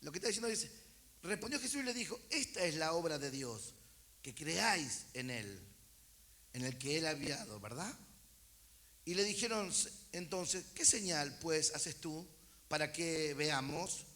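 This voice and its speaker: A man's voice: fairly high pitch, animated, a little slow, bright, forceful tone. A man with a Rioplatense Argentine accent preaching a sermon, reading scripture aloud and calling out to his congregation with chatty asides. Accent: Rioplatense Argentine Spanish. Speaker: pastor. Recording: church service.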